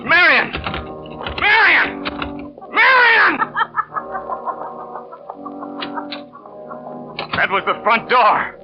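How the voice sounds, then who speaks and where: A male actor in a 1940s radio suspense thriller narrates in first person as a scheming, vengeful lover in a murder plot, bitter, desperate, and panicked. In a tense, hard-boiled full character voice, very high with huge pitch swings and a slow pace, he comes through a dull old radio recording with music.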